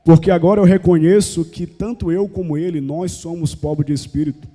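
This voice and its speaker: A man's voice: a little high, steady tone, a little fast, warm tone. A Brazilian man preaching a live sermon to a youth church, asking rhetorical questions and acting out quoted prayers. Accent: Brazilian Portuguese. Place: church sanctuary, live service. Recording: long church hall reverb.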